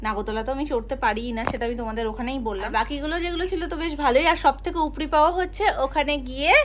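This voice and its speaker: Fast-talking high-voiced woman vlogger. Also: fairly even intonation, a little hiss or hum. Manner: chatty, talks to a small child in a singsong voice. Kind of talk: casual chat to viewers.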